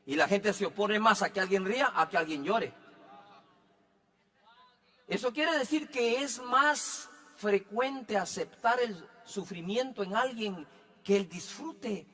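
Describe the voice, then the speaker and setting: A male pastor delivering a sermon in a high, ringing voice with a bright, forceful edge. He keeps it chatty and humorous, stopping again and again to check that his listeners follow along. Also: takes it slowly, long reverb tail. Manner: conversational, joking, keeps asking if he is understood.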